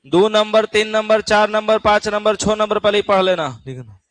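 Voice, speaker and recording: A man's voice: high voice, steady tone, normal speed, a bit bright, no echo. A male physics teacher, lecturing a class in a chatty way, teasing students and often checking that they follow. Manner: keeps asking the class "theek hai na?".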